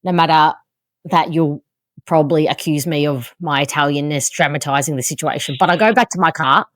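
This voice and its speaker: An Australian woman hosts a podcast and tells a mishap story with animated, self-mocking flair. Her voice sits slightly low for a woman. The sound is dry and close, with no room echo. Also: brisk. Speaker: podcast host. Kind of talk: casual chat, storytelling.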